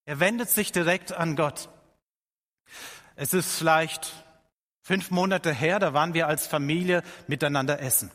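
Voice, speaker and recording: A middle-aged man preaching a sermon. He speaks earnestly, slows down to stress his points and lifts his voice when quoting scripture. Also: a little high, a bit bright. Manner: earnest, slows down for emphasis, quotes scripture with rising voice. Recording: long hall reverb.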